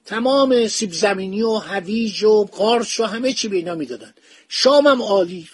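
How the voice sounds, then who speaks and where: A man's voice: extremely high pitch, breathy edge, dry recording. Man, history podcast host, anecdotal storytelling, dry close sound. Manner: anecdotal retelling, acts out quoted dialogue. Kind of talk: casual storytelling lecture. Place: home study with bookshelves.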